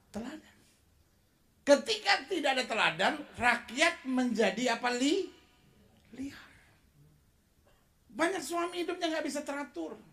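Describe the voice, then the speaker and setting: A man preaching a lively sermon with jokes, acting out quoted voices and asking the congregation to repeat after him. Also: very high-pitched. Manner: animated, acts out quoted voices, asks the crowd to repeat.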